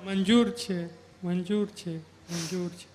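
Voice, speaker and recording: A man as the groom, slowly repeating his assent to wedding vows. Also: high voice, fairly even intonation, darkish tone, a little hiss or hum.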